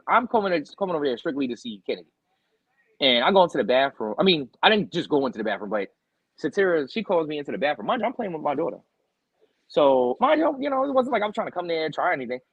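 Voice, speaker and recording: A young man hosting a podcast, telling a story in a loud, profane rant and acting out what people said. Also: on the high side, no room sound, lo-fi sound. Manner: animated, profane, loud outbursts acting out quotes. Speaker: podcast host.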